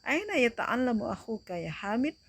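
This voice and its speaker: A woman's voice: fairly high pitch, very animated, normal speed, voice pushed up. Sulaiman, a curious schoolboy, read by a woman teacher. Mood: inquisitive. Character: schoolboy asking about a classmate's family. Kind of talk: textbook dialogue read aloud.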